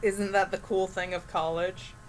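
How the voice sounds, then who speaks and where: A young woman with a mid-range voice chats casually while she streams, friendly and easygoing. She tells her stories in a relaxed way, with a faint hiss of noise underneath. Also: medium pitch, normal speed, rough recording. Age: young adult. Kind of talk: casual chat.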